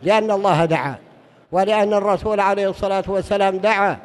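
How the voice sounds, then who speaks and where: High-voiced Arabic-speaking preacher, exhorting. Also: male voice, fairly even intonation, fast talker. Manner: storytelling with acted quotes, exhorting listeners. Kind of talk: sermon.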